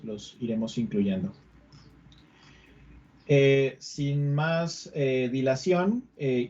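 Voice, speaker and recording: Mellow Mexican man moderating, muffled audio. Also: mid-range voice. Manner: formal, hesitant with frequent pauses. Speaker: forum moderator. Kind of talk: formal introduction of a panel. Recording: dull lo-fi webinar audio.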